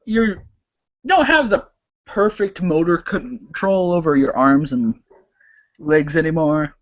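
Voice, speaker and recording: A game master narrating a casual tabletop game, lively and halting, with many restarts. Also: medium pitch, highs cut off.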